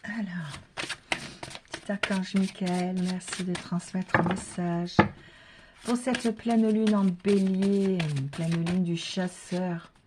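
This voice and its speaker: A soft-spoken woman doing a spiritual card reading and leading a prayer. She whispers asides to herself and repeats her thanks and prayers slowly. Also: lowish voice, steady tone, background noise.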